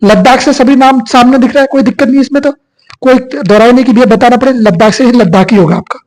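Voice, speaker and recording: A man's voice: extremely high pitch, fast talker, a little mellow, rough recording. A male teacher giving an exam coaching lecture, asking questions and answering them himself. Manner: repetitive call-and-response questioning.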